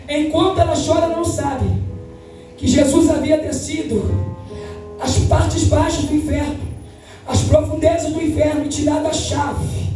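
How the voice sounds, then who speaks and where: A woman missionary preaching a fervent Pentecostal sermon, often shouting and half-singing her phrases. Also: high-pitched. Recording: echoey church from far off with music.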